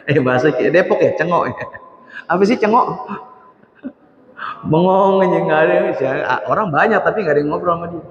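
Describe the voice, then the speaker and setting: A man preaching to youth in a mosque, telling a story with rhetorical questions and quick self-corrections. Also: high-pitched. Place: mosque hall. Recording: echoey hall, dull lo-fi sound.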